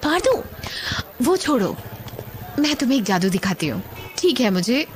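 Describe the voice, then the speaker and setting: A woman's voice: a little high, very animated, normal speed, a little hiss or hum. A playful young girlfriend. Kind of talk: Hindi film dub. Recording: film dub over loud music.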